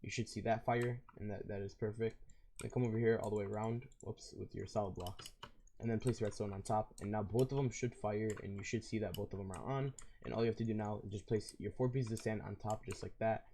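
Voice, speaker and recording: Hoarse and raspy from losing his voice, a man gives a casual step-by-step game tutorial at a fast clip, rambling and correcting himself amid fillers. His lowish voice stays steady and warm, with a little hiss or hum in the audio.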